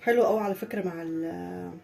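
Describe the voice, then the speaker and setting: Her voice sits on the low side, gravelly and warm, a little fast, with faint music behind. This Egyptian-accented home baker chats casually to viewers as she decorates a birthday cake in her kitchen, walking them through every step.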